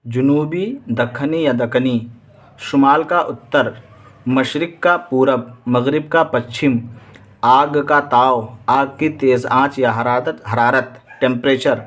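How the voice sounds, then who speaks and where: A man with an Indian Urdu accent teaching exam vocabulary. He reads each word with its meaning, repeats it and quizzes his students. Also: medium pitch.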